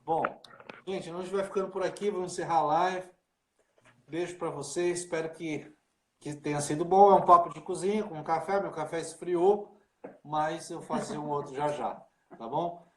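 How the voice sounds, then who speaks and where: Here the pastor talks at a normal speed, his fairly high voice a bit mellow. Hosting an informal livestream conversation over video call, he chats freely and leans on fillers such as né and cara, all in an echoey space.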